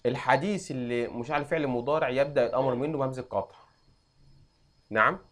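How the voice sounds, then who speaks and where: A young adult man with an Egyptian accent, teaching an Arabic grammar lesson and quizzing students with quick questions. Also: medium pitch, fairly bright tone. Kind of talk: classroom lesson.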